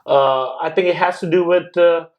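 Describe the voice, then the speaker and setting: A guest investor from India chats casually on a podcast, hesitant and filling his speech with lots of "uh"s and "like"s; his first language is Gujarati or another Indian language. His voice is on the high side, with fairly even intonation and a moderate pace. The sound is lo-fi.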